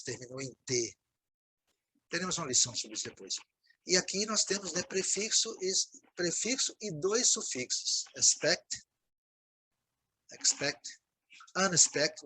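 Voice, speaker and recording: Brazilian male teacher, fairly high, bright voice with a husky edge, patient and repetitive. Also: poor audio. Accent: Brazilian Portuguese. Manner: explanatory, repeats words, frequent "né, gente?". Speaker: English teacher. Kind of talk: recorded video lesson.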